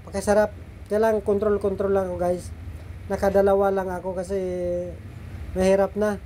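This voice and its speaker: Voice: medium pitch, flat delivery, fairly quick, mellow, slight background noise. A middle-aged food vlogger with a slightly nasal voice, chatting casually to viewers while eating and cooking, often turning to them for agreement.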